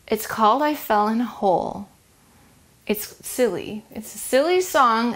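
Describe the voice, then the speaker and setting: A woman and music educator, talking in a playful, friendly way and laughing easily as she teaches. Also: a little high.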